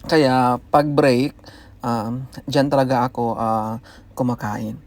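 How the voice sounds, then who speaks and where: A man from the Philippines chats through a day-in-the-life vlog at an everyday middle pitch. He slips back and forth between Tagalog and English and keeps breaking into laughter. The close, dry sound has almost no room echo. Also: fairly even intonation, takes it slowly, darkish tone. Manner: chatty, laughs often through his stories. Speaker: vlogger. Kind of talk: casual storytelling vlog.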